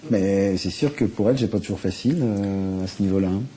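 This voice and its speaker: A man answering as a guest in an interview, speaking in a hesitant, halting way. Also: low-pitched, dark tone, slight background noise.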